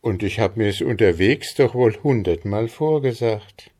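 A man reading the part of a steady, thoughtful young farm lad who speaks earnestly, in a storybook reading. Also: fairly low pitch, breathy edge, pitched above the performer's own voice. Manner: deliberate, earnest.

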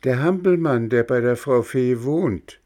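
A man's voice: mid-range voice, a little slow, a little mellow, pitched above the performer's own voice, natural voice. A man voicing an impatient, shivering wooden puppet boy who pleads urgently in a storybook reading.

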